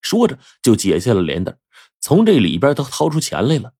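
A man telling a folk tale, with animated, dramatic narration. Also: medium pitch, brisk, breathy edge, dry recording, clean studio sound. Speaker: storyteller. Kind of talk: oral storytelling.

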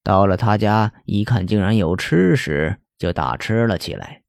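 A man's voice: fairly low pitch, lively intonation, creaky, dry recording, clean studio sound. A man doing a starved scholar ghost, bookish and aggrieved. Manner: bookish, lamenting, measured. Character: starved ghost of an old-time male scholar, proud and aggrieved.

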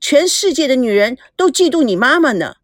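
A coy, scheming woman in an audio novel, syrupy sweet and showing off, her high voice swooping up and down, as a woman narrator puts her on. The sound is close and dry. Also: very animated, a little fast, no room sound. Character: flirty scheming woman, sugary and boastful.

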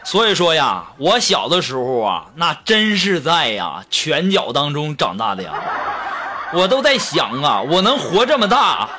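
Lively man telling comic stories. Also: a little high, a little slow, slight background noise. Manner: lively, laughing often, acts out quoted parents. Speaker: comedy storyteller host. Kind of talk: comic storytelling monologue. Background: music.

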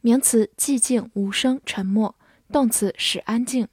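Slow, careful woman teaching vocabulary. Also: a little high, breathy edge, no echo, clean studio sound. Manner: slow, even, careful dictation of words and meanings. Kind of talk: scripted lesson narration.

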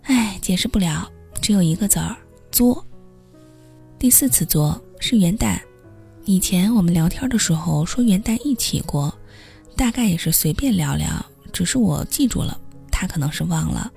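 Gravelly-voiced woman narrating a story. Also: lowish voice, lively intonation, moderate pace, dark tone, faint music behind. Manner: wry, self-mocking storytelling. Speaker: podcast host reading a story. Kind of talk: first-person story narration.

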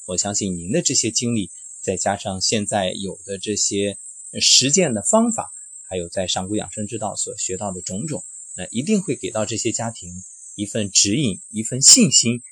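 A man hosting an interview, summing up the guest's story in a measured, formal way. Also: fairly low pitch, slightly rough, no echo. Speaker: interview host. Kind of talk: hosted interview.

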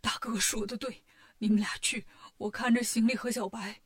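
A woman voicing a gentle, loyal male monk who speaks softly through tears in a storybook tale. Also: fairly high pitch, fairly even intonation, normal speed, pitched below the performer's own voice, lightly acted. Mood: tearful. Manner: soft and tearful.

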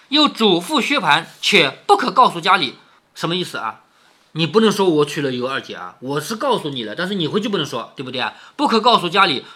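A middle-aged man reads a classic story to his daughter, stopping often to explain it in plain words. His voice is bright and his pitch moves a lot. He keeps asking whether she follows him. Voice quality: lively, questioning tone with frequent tag questions. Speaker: father reading a classic novel to his daughter.

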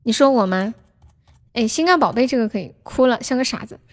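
High-voiced young woman livestream host. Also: lively intonation, brisk. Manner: chatty, laughs often, reads out viewer names. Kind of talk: casual livestream chat.

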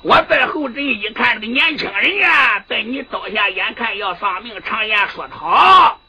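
A woman storyteller voicing a bold, sharp-tongued young noblewoman who argues back at an elder. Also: on the high side, animated, normal speed, slightly rough, heavily acted. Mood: indignant.

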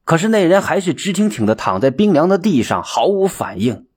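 A man narrating a folk tale as an expressive, dramatic storyteller. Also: a little high, brisk, slightly rough. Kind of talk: audiobook storytelling.

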